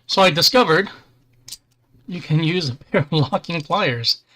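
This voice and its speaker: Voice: mid-range voice, expressive, unhurried, pushed and bright. A host chatting casually on a livestream while building a model kit, easygoing, with dry self-deprecating humor.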